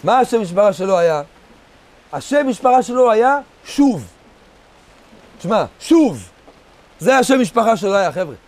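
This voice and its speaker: Male rabbi, high voice, storytelling sermon, punchy dramatic phrasing, casual with his audience. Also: very animated, pauses often, a little mellow. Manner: addresses listeners casually as "guys" while narrating. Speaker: rabbi giving a Torah lesson.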